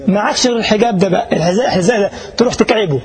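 Speaking very fast in a high voice, a sheikh with an Egyptian Arabic accent gives a relaxed religious lesson before an audience in Germany. He jokes, talks straight to his listeners and keeps asking if they're following, all on a rough recording.

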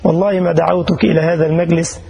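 A man's voice: a little high, level tone, very fast, creaky, warm tone, husky, highs cut off. A man preaching in Egyptian Arabic, telling the story with dramatic passion and colloquial asides. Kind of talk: sermon storytelling.

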